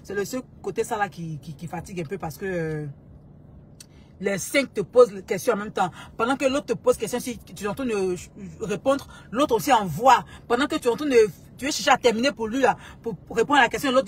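A woman being interviewed as a guest artist, speaking in a calm, measured way, often hesitating and repeating words as she thinks. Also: medium pitch, slight background noise. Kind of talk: talk-show interview answer.

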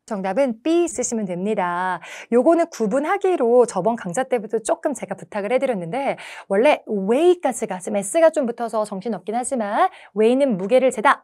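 A woman's voice: fairly high pitch, darkish tone. A young woman teaching English grammar as a test-prep lecturer in an online lesson, explaining step by step and stressing key words.

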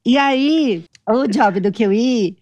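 A Brazilian woman, an influencer, telling stories in a relaxed, wry podcast chat. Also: a little high, slow pace, no echo, muffled recording. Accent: Brazilian Portuguese. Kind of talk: casual chat.

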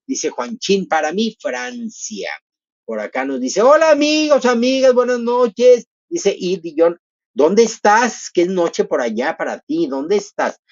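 Man, live stream host, effusive and theatrical, husky voice, dull lo-fi audio. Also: high-pitched, sing-song, unhurried, darkish tone. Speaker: livestream host. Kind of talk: live commentary reading viewer comments.

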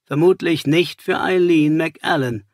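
A man doing a calm, superior detective. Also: fairly high pitch, a little slow, no room sound, clean studio sound.

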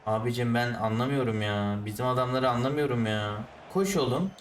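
A man commentating his own football video game match, ranting at the referee and the players, then calmly explaining his tactics. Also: medium pitch, a little fast, echoey room, far from the mic, slight background noise. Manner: switches to calm explaining of tactics. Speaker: gaming YouTuber.

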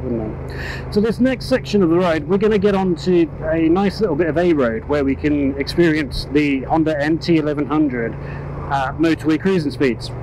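A man riding a motorcycle, giving a casual, chatty ride-along review through his helmet headset mic. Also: fairly high pitch. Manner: casual, chatty, self-correcting. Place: on a motorcycle on country roads, outdoors. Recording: road noise from a moving motorcycle. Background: road and vehicle noise.

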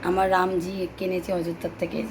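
Hoarse-voiced woman chatting fast at home. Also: fairly low pitch, flat delivery, noisy background. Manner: chatty, addresses viewers directly. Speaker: vlogger. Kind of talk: casual home vlog talk to viewers. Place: small home flat. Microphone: phone held in hand.

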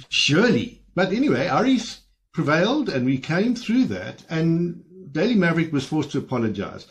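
A man hosting a panel on a video call, stammering through restarts as he moderates. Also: mid-range voice. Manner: warm, stammering restarts, laughs. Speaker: host and moderator.

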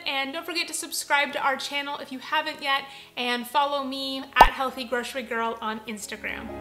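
A young woman hosting her home vlog, upbeat, friendly and chatty. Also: on the high side. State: pregnant. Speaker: vlogger host. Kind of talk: cheerful vlog talk and voice-over narration. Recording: soft background music.

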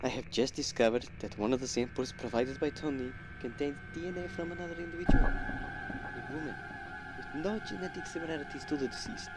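An actor playing a male doctor dictating investigation notes in a measured, clinical way on a game audio log. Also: a little high, steady tone, heavy background noise, lightly acted.

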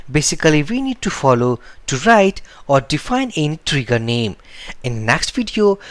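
A man talks through a programming lesson over his screen recording, working step by step and stopping to fix his own slips. His voice sits a little high and swings widely in pitch. The sound is close and dry, with no room around it. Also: a bit bright, no echo. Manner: explains step by step, correcting himself aloud; nonstandard English phrasing. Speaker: programming tutor.

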